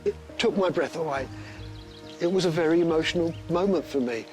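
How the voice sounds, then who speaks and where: A man's voice: a little high, a little fast, faint music behind. An older man from England, a guest talking in effusive, repetitive delight about a repaired family heirloom. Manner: effusive, repeats his delight. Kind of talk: emotional casual chat.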